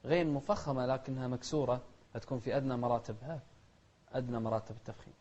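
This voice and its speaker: A man's voice: medium pitch, steady tone, rapid-fire, a little mellow. A middle-aged man, teaching Quran recitation and correcting common pronunciation mistakes with a firm "no". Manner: contrasts wrong and right pronunciations, firm "no". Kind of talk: tajweed instruction, correcting common errors. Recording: dull lo-fi recording.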